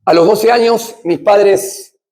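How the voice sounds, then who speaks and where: A middle-aged man with a Rioplatense Spanish accent giving a church talk on addiction, speaking conversationally, asking his listeners questions and swinging between loud and hushed. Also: high voice, slow. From Argentina.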